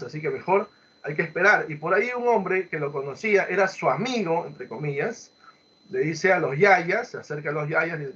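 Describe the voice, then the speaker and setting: A man's voice: on the high side, pushed and bright, highs cut off. A male literature teacher retelling a folk tale in a lecture, acting out the quoted voices and checking in with short questions. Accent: Peruvian Spanish. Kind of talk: storytelling lecture.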